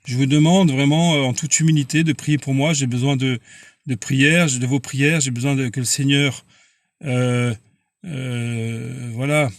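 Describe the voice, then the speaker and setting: A man preaching casually on a live stream and answering viewers' comments, halting and repeating words, earnest and insistent. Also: mid-range voice, fairly even intonation, no echo.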